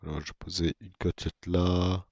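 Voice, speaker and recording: Man, very low voice, monotone gameplay commentary, dry close sound. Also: normal speed, no echo, highs cut off. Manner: monotone, self-mocking asides. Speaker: gaming video creator.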